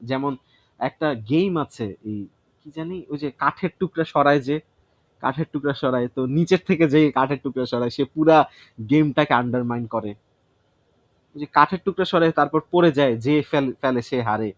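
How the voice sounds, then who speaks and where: A vocabulary teacher works through words aloud in a casual study session, thinking out loud and testing himself word by word. He mixes English words into his Bengali explanations. His voice is mid-range at normal speed, in a muffled recording with no room sound.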